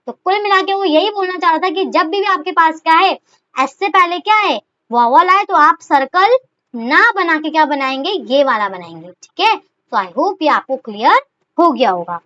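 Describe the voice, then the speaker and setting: High bright-voiced woman teaching shorthand. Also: animated, normal speed. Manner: chatty, repeats rhetorical questions and okay. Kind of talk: explaining a lesson step by step. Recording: dull lo-fi recording.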